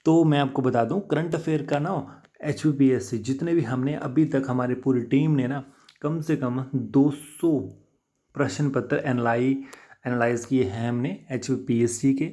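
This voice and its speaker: Slow, mellow-voiced man teaching exam questions. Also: medium pitch, fairly even intonation. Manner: chatty, repeats key answers for students; addresses viewers directly with "ji". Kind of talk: unscripted exam question walkthrough.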